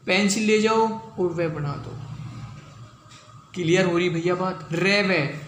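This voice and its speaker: A man's voice: high voice, fairly bright tone. A man teaching a shorthand class step by step, reciting syllables one at a time and calling his students brother. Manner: slow, calls students "bhaiya" and "bhai". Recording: echoey room with faint ambience.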